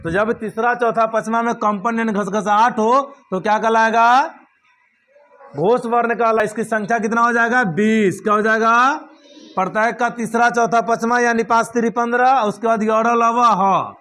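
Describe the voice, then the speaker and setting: Teacher, male, high-pitched voice, drills grammar with repeated rhetorical questions. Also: steady tone, normal speed, fairly bright tone. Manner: repeats points and asks rhetorical check questions. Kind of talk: classroom grammar lesson.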